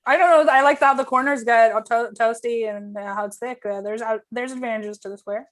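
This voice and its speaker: Woman, improv comedian, somewhat high voice, chatty. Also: fairly even intonation, fairly quick. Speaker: improv performer.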